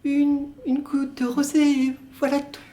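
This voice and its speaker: A man's voice: extremely high pitch, completely flat delivery, takes it slowly, dark tone, pitched above the performer's own voice. A young man playing a young woman lover who turns aside questions with short, hesitant denials. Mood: tearful. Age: young adult. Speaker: student actor. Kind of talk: solo stage reading of a play. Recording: roomy echo.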